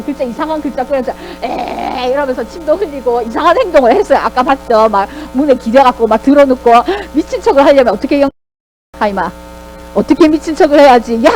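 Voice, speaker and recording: A woman Sunday school teacher giving a children's sermon in a lively way, often asking the kids questions. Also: high-pitched, low-quality recording.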